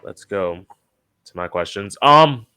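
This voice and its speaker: A man hosts a podcast with a bright, forceful voice. He asks his guest questions with curiosity and shares his own story in turn. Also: on the low side, animated, slow, a little hiss or hum. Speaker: podcast host. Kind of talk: interview chat.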